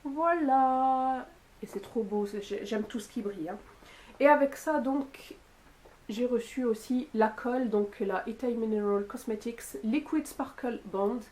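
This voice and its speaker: A woman talking casually into her camera at home, walking through her purchases one by one. Her voice sits a little high, and she fills her pauses with "euh" and "voilà". The sound is plain home-video audio from the camera's own mic. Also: darkish tone. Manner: chatty, with frequent fillers and "voilà". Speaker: beauty youtuber. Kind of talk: casual product haul talk to camera.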